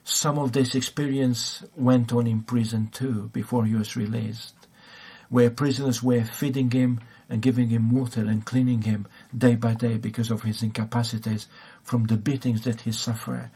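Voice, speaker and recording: A man's voice: medium pitch, little pitch movement, moderate pace, warm tone, husky. A man preaching a sermon, hesitant, with many fillers and restarts.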